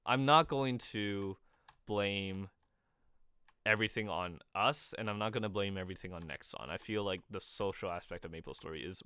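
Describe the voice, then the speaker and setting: A man's voice: lowish voice, normal speed, pushed and bright, smooth. A young man streaming casual game commentary, rambling with lots of filler words and restarts.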